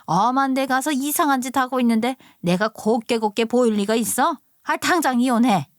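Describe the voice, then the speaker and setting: A domineering older mother-in-law, put on by a woman, snapping out contemptuous orders in a radio story drama. Her voice sits a little high and is recorded dry and close, with no room around it. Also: moderate pace, no room sound, lightly acted. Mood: scornful. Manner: scolding, bossy and scornful.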